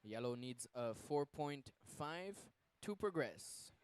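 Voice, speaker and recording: A man announcing a surf contest live, calling the action and scores in a laid-back, measured manner. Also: mid-range voice, lively intonation, clear, resonant tone. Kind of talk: live competition commentary and announcements.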